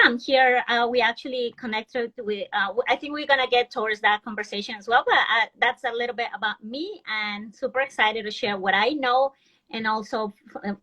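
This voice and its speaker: An Ecuadorian financial advisor, a woman, joins a casual live-stream interview by video call, talking earnestly and frequently starting her sentences over. Her voice is medium-pitched and slightly bright, and the recording is rough.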